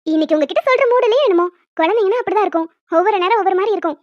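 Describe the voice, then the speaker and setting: A woman voicing a calm young wife and mother who soothes her husband with light amusement in a cartoon. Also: very high-pitched, racing, no echo. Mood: soothing. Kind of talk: cartoon voice acting. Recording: dull lo-fi dry recording.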